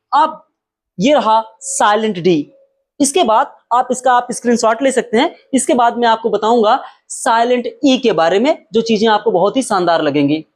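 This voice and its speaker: A man teaching in an energetic, emphatic way. He poses questions and answers them at once, then says each example word slowly and deliberately, often twice over. The delivery is lively and instructive. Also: sits high. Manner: repeats example words slowly and drawn out, asks and answers his own questions; emphatic, animated explaining. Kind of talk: spoken pronunciation lesson.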